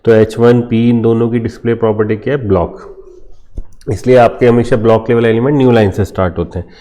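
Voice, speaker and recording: Mellow-voiced man teaching a coding lesson. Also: medium pitch, fairly even intonation, brisk. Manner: explains step by step, asks and answers imagined student questions. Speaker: programming teacher. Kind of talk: screen-share coding tutorial.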